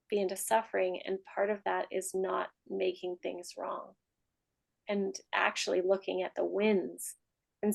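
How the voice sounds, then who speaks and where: A woman's voice: mid-range voice, vocal fry, poor audio. A woman leading a group coaching session, chatting freely with frequent laughs. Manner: chatty, laughs often, trails into soft slow meditation voice. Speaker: mastermind group leader. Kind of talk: coaching talk and guided meditation.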